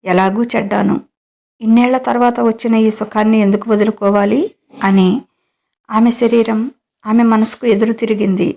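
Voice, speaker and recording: Sex: woman. Role: storyteller. Style: scripted narration. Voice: dark, mellow. Delivery: flat, even. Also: on the high side, normal speed, creaky, pauses often. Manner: even, steady reading.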